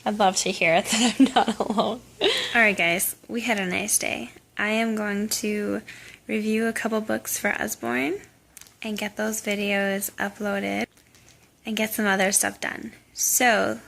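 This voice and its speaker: A woman's voice: medium pitch, steady tone, measured pace, gravelly, a bit bright. A young adult woman, a mom vlogger, chatting in an upbeat, instructive way and giving parenting tips. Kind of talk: casual vlog chat and parenting tips.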